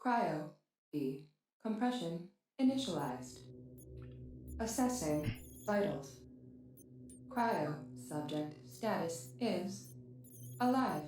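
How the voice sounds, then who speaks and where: A soothing female ship computer speaks in a low, unhurried tone. Her announcements come from far off and ring through a heavily echoing space. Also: lively intonation, darkish tone, soft background music. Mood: calm. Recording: echoey, distant game audio.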